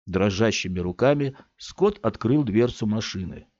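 A man's voice: lowish voice, expressive, normal speed, darkish tone, no echo. A man reading an audiobook story aloud as narrator. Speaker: audiobook reader. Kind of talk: scripted narration. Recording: dry, slightly muffled.

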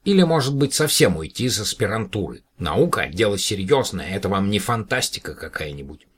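A man's voice: fairly low pitch, big pitch swings, fairly quick, slightly rough. A man playing a pompous elderly professor who talks down to his student with irony in an audiobook. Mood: ironic. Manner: sarcastic, condescending.

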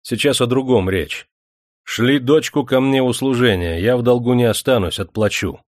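A man's voice: medium pitch, normal speed, no room sound, clean studio sound, voice pushed up, close to an everyday voice. A man voicing a domineering, wrathful factory owner who talks in a commanding, scornful way.

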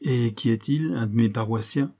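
Casting : vieux recteur nasillard, bourru et alerte, joué par un homme. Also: male voice, mid-range voice, moderate pace, mellow, natural voice. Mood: brusque. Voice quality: nasal. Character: older male rector, brisk and gruff.

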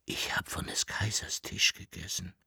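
A man voicing a sleepy, frightened Bohemian nobleman in an audiobook, speaking quietly and drowsily. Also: medium pitch, wildly swooping pitch, slow, vocal fry, breathy edge, no room sound, clean studio sound, full character voice. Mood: shaken.

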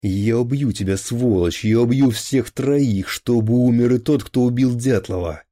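A furious police captain in an audiobook thriller bellows his threats slowly and loudly, his voice pushed higher and harsher than usual, as a male narrator puts him on. The tone stays dark and husky, recorded close and dry. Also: steady tone, no echo. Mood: roaring threats. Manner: roaring, slow and threatening. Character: enraged male police captain, grieving and violent.

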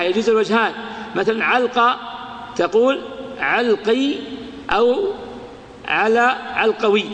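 A man teaching grammar to a class, repeating key words and quizzing his students with quick questions. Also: high voice, a bit bright. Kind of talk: classroom lecture explaining a grammar text. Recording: long hall reverb.

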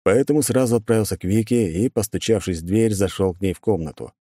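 A male narrator with a fairly low voice reads a first-person story in a measured, even manner. The recording is dry and close, with no room around it. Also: no room sound. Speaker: audiobook narrator.

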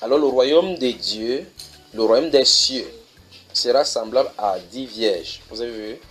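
A man preaching in a church, reading scripture verses slowly and then explaining them, often asking his listeners whether they follow. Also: medium pitch, fairly bright tone, faint music behind. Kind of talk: sermon teaching.

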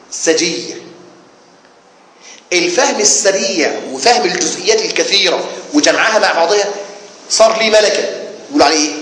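A man's voice: sits high, fairly bright tone. A man with an Egyptian accent teaching a lesson on jurisprudence to a class, putting questions to his students and then answering them himself. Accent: Egyptian Arabic. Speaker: sheikh teaching Islamic jurisprudence. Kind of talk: classroom lecture. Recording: echoey hall with faint background noise.

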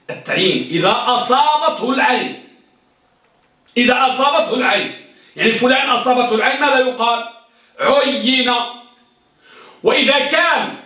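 A man's voice: extremely high pitch, pushed and bright. A man teaching an Arabic grammar lesson, explaining words, repeating them and asking the class questions. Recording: echoey room, voice from far off.

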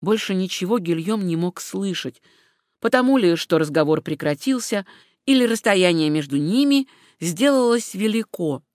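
An audiobook narrator reading a historical adventure in a steady, measured way. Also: medium pitch, dry recording, clean studio sound. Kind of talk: scripted narration.

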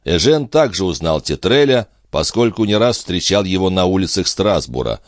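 A man narrating an audiobook in expressive storytelling manner. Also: deep voice, normal speed, no echo, studio quality.

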